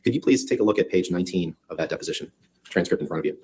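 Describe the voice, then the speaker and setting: A man's voice: sits low, rapid-fire, a little mellow, a little hiss or hum. A man cross-examining as a lawyer in court, pressing with leading tag questions.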